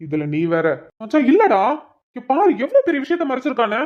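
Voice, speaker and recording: A woman's voice: sits high, wildly swooping pitch, fairly quick. A woman voicing a male friend in a cartoon who complains and teases in banter. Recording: dull lo-fi recording.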